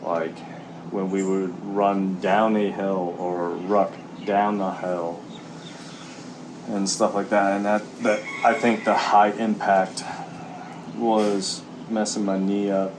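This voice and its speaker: A man talking candidly and haltingly in a casual, reflective vlog while out walking. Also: low-pitched, little pitch movement, noisy background. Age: middle-aged. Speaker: vlogger, military serviceman and former Marine. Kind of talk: casual walk-and-talk vlog.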